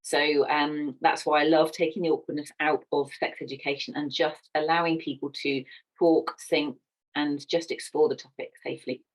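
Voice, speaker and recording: A middle-aged woman, a sex educator talking earnestly and warmly about her work in a casual chat. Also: low voice, fairly even intonation, moderate pace, low-quality recording. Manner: earnest and enthusiastic.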